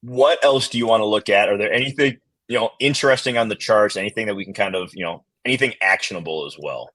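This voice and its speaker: A man's voice: lowish voice, fast, fairly bright tone, no echo. A man co-hosting a markets show, talking loosely with hesitations, jokes and swearing. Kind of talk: casual market chat.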